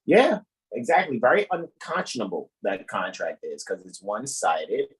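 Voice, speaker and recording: A man hosts a casual talk in a rough, husky voice. His pitch moves around a lot as he reads out definitions with emphasis, breaking off to comment and check in. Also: huge pitch swings, moderate pace, rough recording. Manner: emphatic, says quote and end quote, checks with "right?". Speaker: host.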